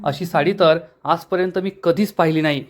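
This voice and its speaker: A man's voice: on the high side, steady tone, moderate pace, natural voice. A man voicing a delighted, coaxing middle-aged mother in a spoken recap of a TV serial, raising his voice for her. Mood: gushing. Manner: gushing, coaxing.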